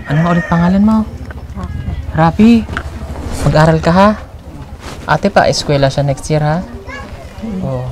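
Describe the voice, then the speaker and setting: A woman from the Philippines chats casually on camera with a low-pitched voice. She coaxes and advises in a motherly way and laughs easily. The outdoor recording carries a lot of background noise. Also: a little slow, pauses often. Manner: coaxing, motherly, gives advice, laughs easily. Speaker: vlogger handing out aid.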